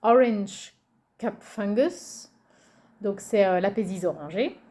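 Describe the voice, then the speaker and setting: A woman presenting a card game in a casual video, cheerful and amused, pausing often with fillers and reading titles slowly. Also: medium pitch, animated, dark tone. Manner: hesitant, many fillers, muses aloud over names; reads English card titles slowly and carefully. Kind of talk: casual show-and-tell presentation.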